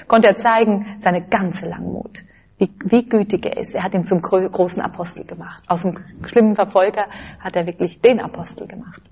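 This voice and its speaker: A woman giving an earnest spiritual talk, quoting saints and scripture in a gentle way. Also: mid-range voice, slightly rough. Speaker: religious speaker.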